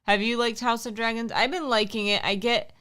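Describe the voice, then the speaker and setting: A woman's voice: a little high, fairly even intonation, a little fast, a bit bright, smooth. A woman co-hosting a livestream, chatting casually and teasing her co-host. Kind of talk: casual chat.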